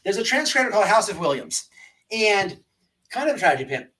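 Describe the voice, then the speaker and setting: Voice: medium pitch, big pitch swings, a little fast, a bit bright. Smug sarcastic streamer doing an exposé, repeats stuff to drive it home, kinda far from the mic. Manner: emphatic, repeating phrases. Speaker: host of a livestream commentary channel. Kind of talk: informal livestream exposé commentary.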